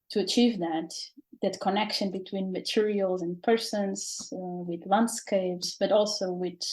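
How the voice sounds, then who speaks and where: A woman's voice: mid-range voice, mellow. Hesitant Portuguese woman guest. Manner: hesitant, many fillers and restarts, laughs often. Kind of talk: interview conversation.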